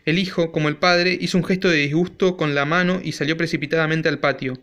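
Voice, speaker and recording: Casting: male audiobook narrator, a bit higher voice, dramatic storytelling. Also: steady tone, fast talker, fairly bright tone. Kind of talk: audiobook reading.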